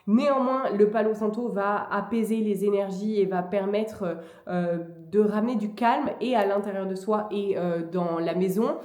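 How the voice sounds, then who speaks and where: A woman talking casually and hesitantly in a vlog, with frequent pauses as she gives advice. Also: medium pitch, a little mellow. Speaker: vlogger. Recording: echoey room.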